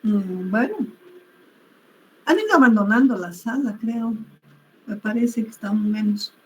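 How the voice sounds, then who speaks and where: A woman's voice: medium pitch, animated, a little slow, a little mellow, slight background noise, low-quality recording. A woman teacher running an online class, calling on students by name and correcting how they use terms.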